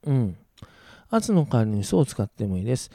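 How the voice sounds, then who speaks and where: A man teaching an English pronunciation lesson, brisk and casual, with playful asides. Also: medium pitch, very animated, dark tone, no echo, studio quality. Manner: brisk teacherly, slows right down to model English words clearly; casual rough-edged male speech, playful asides.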